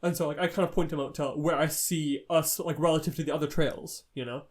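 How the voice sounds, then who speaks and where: A man's voice: fairly high pitch, fairly quick. A man co-hosting a podcast, retelling a story in casual chat with lots of swearing. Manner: heavy swearing, animated retelling. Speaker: podcast co-host.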